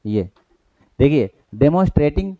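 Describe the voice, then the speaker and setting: A man's voice: on the high side, sing-song, moderate pace, dry recording, phone-quality sound. A man with an Indian accent teaching an exam-prep grammar lesson, explaining in Hindi with English terms and asking and answering his own questions.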